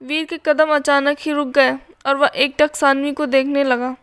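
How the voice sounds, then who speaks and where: A woman narrating a scripted story in a measured, plain way. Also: high voice, level tone, fairly bright tone.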